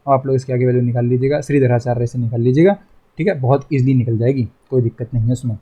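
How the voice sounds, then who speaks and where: A man's voice: mid-range voice, fairly even intonation, rapid-fire, mellow, breathy edge. A young man teaching a math lesson online, chatty, repeating himself and teasing his students.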